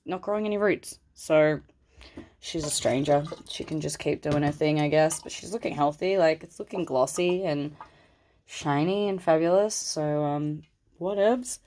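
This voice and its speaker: A woman with a deep, slightly mellow voice speaks unhurriedly, sounding stuffy and snuffly from a cold. She's a plant vlogger at home indoors, rambling casually as she handles and shows off her plants, filmed on her phone camera.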